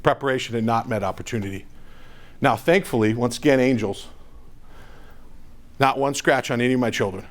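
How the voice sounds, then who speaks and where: A man giving an energetic motivational talk to a live audience, telling a personal story with quick asides to the crowd. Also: mid-range voice. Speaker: motivational speaker.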